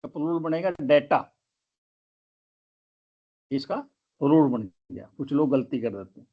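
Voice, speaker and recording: Slow, deliberate male grammar teacher. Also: fairly high pitch, dull audio. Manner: spells words out letter by letter, slow and deliberate. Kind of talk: lesson.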